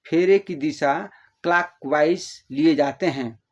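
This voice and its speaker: An older man explaining in a casual, rambling way, repeating himself and acting out the listeners' replies in a softer voice. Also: on the high side, takes it slowly. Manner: addresses listeners as "babu". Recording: dull lo-fi audio.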